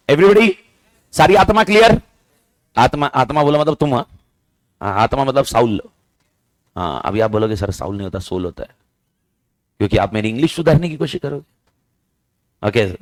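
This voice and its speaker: A man's voice: medium pitch, no echo. A man teaching a class, firing questions at students and mixing in English words and playful slang. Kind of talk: classroom lecture.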